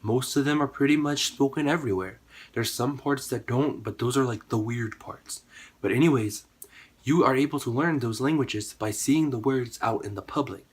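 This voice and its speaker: Sick and partly losing his voice, this American YouTuber speaks at a normal speed in a husky, mid-range tone. He chats to camera in a loose, rambling way, leaning heavily on fillers.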